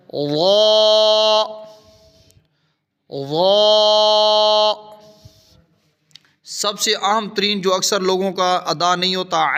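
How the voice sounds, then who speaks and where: A man teaching Quran recitation step by step, patiently explaining each letter and then sounding it out slowly. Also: high-pitched, bright, forceful tone. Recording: long echoing reverb.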